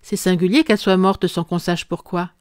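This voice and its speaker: A woman reading an audiobook voices a stern aristocratic mother who speaks in a measured, reproachful way. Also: on the low side, fairly even intonation, a little mellow, clean tone, dry recording, clean studio sound, natural voice.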